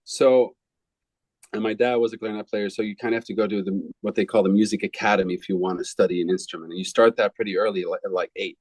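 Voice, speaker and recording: A man in his forties from Belgium, a film composer answering interview questions in a relaxed, rambling way with frequent restarts. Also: on the low side, fast talker, breathy edge, no room sound, rough recording.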